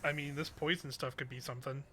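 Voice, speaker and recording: A man's voice: medium pitch, steady tone, fast talker, bright, forceful tone, a little hiss or hum. A young man chatting casually as a game streamer, with a hesitant, rambling, slangy way of talking. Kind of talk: casual chat while gaming.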